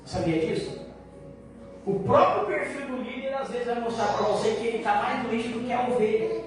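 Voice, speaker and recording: A man preaching a sermon to his congregation, mixing easy conversational talk with sudden loud, emphatic lines and many rhetorical questions. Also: very high-pitched, animated, normal speed, soft background music. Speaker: pastor. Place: large church hall. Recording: echoey hall, voice far off, background noise.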